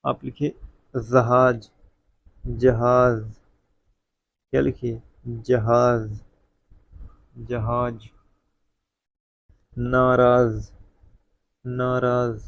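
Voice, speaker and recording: Slow gravelly Hindi teacher dictating words. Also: male voice, mid-range voice, little pitch movement, dry recording. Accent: North Indian Hindi. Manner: slow, repeats each word for dictation; addresses viewers as friend. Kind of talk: spelling dictation lesson. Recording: dull, lo-fi sound.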